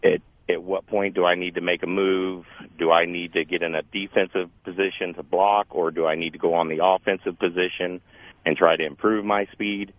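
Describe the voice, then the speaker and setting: A low-voiced man phones in to a radio talk show. His voice comes through a thin, tinny phone line with no room sound. He talks informally and restarts his sentences as he thinks aloud. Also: little pitch movement, fairly quick, no echo. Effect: heard over a phone line. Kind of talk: casual phone-in chat.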